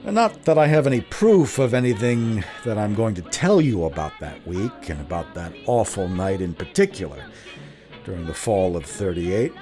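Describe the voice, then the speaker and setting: Over faint music, an actor voices a blunt, wry older Irish-American man spinning a rambling, slangy first-person yarn in a radio drama. His voice is fairly low, sing-song and a little mellow at normal speed. The mood is wry and defiant, and his chatty, folksy narration comes with self-corrections and chuckles.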